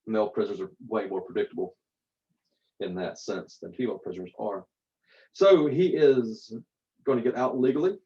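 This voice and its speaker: A man's voice: fairly low pitch, moderate pace, pauses often, warm tone, lo-fi sound. Man lecturing like a storyteller. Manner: conversational, with rhetorical questions and dramatic repetition. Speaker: college instructor.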